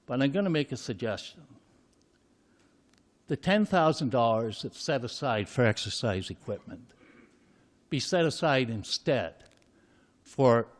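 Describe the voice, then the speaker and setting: Indignant older man at a council meeting. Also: mid-range voice. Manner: indignant, emphatic questioning. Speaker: citizen speaking at council meeting. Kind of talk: public comment at town meeting. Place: council chamber.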